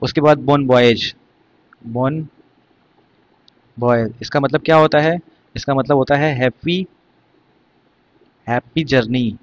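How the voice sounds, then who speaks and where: A man's voice: medium pitch, slow pace, pauses often, lo-fi sound. Man teaching vocabulary. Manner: explains word by word, quizzing students. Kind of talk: exam vocabulary lesson.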